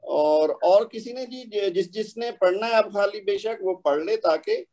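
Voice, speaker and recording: A man teaching an online Quran recitation class, patiently explaining pronunciation and slowly demonstrating stretched syllables over a video call. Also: high-pitched, a little mellow. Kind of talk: online tajweed class instruction.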